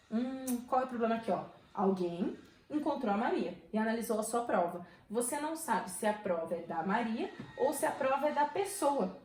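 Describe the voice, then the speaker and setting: A woman's voice: fairly high pitch, reverberant, rough recording. A woman with a Brazilian Portuguese accent who teaches a grammar lesson in a chatty way and keeps checking in with her students. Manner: chatty, checks in often with tag questions.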